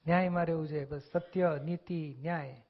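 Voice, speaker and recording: Man, spiritual discourse, earnest and explanatory, slightly high voice, dull lo-fi sound. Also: steady tone, a little fast. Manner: earnest, explanatory, acts out quoted dialogue. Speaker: spiritual discussion speaker. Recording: dull lo-fi recording.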